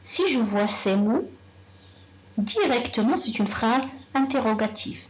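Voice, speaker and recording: A woman teaching a grammar lesson to young children, slow and patient, repeating sentences and quizzing the class. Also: on the high side, animated, dull audio, slight background noise. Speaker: primary school teacher.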